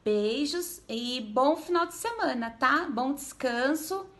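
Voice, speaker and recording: In a remote reading lesson for first graders, a woman primary school teacher with a Brazilian Portuguese accent talks slowly and patiently, sounding out each syllable and often checking on the children. Her high voice is expressive and a bit bright.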